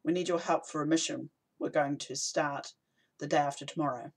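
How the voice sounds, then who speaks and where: A man's voice: a little high, fairly even intonation, fairly quick. A man reading as a weary, curt woman leader. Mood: brisk. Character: tired brisk woman rebel leader.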